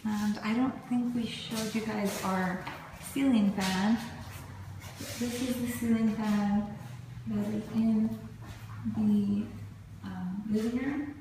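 A chatty, upbeat woman vlogging a tour of her unfinished house, speaking into a handheld camera. Her voice rings around the bare, echoey rooms, with clear room noise behind it. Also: mid-range voice, fairly even intonation, slow, pauses often, dark tone, far from the mic. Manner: chatty, upbeat, pointing things out. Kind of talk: casual home tour narration.

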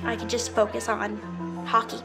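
A woman's voice: fairly high pitch, completely flat delivery, normal speed, creaky, loud music behind the voice. A woman from Scotia speaking earnestly and steadily in a documentary interview about playing sledge hockey.

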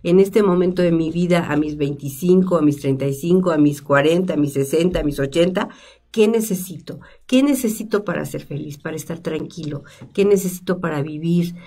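A middle-aged woman with a low, mellow voice talks through ideas at a studio desk mic. She speaks in a reflective way and strings together rhetorical questions. The sound is close and clear. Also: a little fast. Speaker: psychologist guest. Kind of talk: conversational explanation. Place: studio with stone wall, seated at table. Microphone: desk microphone.

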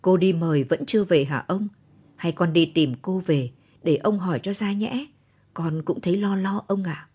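A woman's voice: fairly low pitch, moderate pace, warm tone, husky. A woman voicing a cheeky young grandson, teasing and gossiping in an audio storybook. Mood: anxious.

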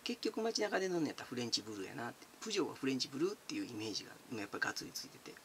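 A man's voice: medium pitch, sing-song, rapid-fire, slight background noise. A man, chatting casually as he answers viewer comments, giggly and talkative, calling himself by his nickname. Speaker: channel host.

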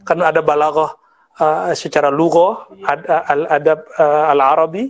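High-pitched preacher guy in his 30s, chatty religious lecture, jokey with his listeners. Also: steady tone, normal speed. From West Sumatra, Indonesia. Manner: conversational, teasing, mixes Arabic terms. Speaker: Islamic preacher.

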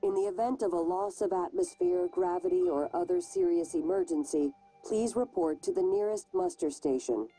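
A woman voicing a calm station announcer who reads a formal safety notice over a ship's loudspeaker in a video game. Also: fairly low pitch, moderate pace, creaky, hardly any pauses, slightly rough, soft background music, exaggerated voice. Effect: ship loudspeaker announcement.

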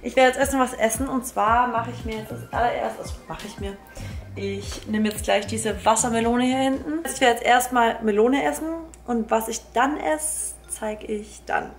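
A young woman who vlogs about travel and food chats informally to a handheld camera held at arm's length, sprinkling in English slang. Her voice is a little high and steady at a moderate pace, with faint music behind her.

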